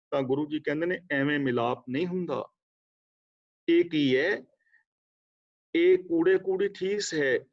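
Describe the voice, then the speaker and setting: A man teaching a scripture class, reciting verses slowly and then explaining them in a conversational way. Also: a little high. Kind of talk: religious discourse class. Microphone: video call. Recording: dull lo-fi online call audio.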